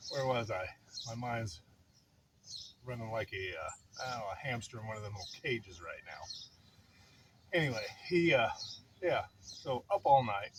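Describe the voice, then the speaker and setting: An older man, a little breathless, tells a personal story in a casual, rambling fireside-chat way with wry, self-deprecating, mock-dramatic delivery. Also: medium pitch. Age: older, grandfather. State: somewhat breathless. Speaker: vlogger telling a personal story. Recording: outdoor noise with chirping birds.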